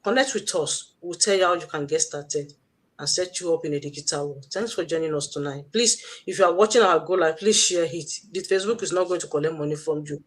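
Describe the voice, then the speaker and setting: Hosting a motivational livestream, an online business mentor with a Nigerian accent speaks fairly quickly in a low-sitting voice. She urges listeners on and keeps repeating her phrases.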